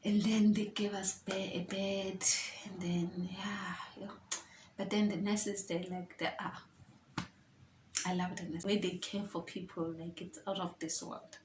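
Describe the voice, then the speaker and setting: A woman's voice: mid-range voice, flat delivery, a little slow, darkish tone, reverberant, slight background noise, rough recording. A woman telling a personal story to her viewers in a chatty, emotional way, often calling them guys. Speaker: vlogger. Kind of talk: personal story-time vlog.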